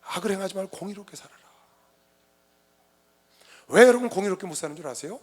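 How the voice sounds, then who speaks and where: A man preaching a sermon as pastor, impassioned and swinging from loud declarations to hushed near-whispers. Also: sits high, expressive, quick pace. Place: large convention hall. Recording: long hall reverb.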